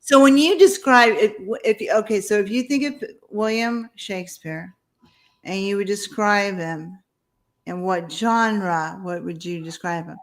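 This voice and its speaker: Woman, interview host, medium pitch, casual, curious questions. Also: measured pace. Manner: curious, asks probing questions.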